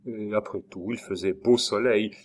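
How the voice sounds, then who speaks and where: A man reading a classic novel aloud in a measured, even storytelling manner. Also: fairly low pitch. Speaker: narrator.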